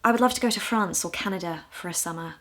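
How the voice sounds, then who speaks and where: A woman from the UK in her twenties, talking candidly and with self-deprecating humor in a casual vlog, her voice a little hoarse. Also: on the low side, quick pace, a bit bright. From United Kingdom. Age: 20s. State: hoarse, low on voice. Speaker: vlogger.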